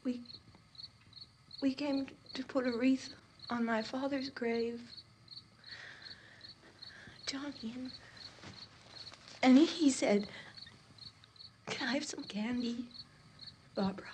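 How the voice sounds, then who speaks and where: Terrified young woman, high voice, slow dazed delivery, noisy old soundtrack. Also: fairly even intonation. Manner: halting, dazed, breaking into hysterical crying. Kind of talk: 1960s horror film acting.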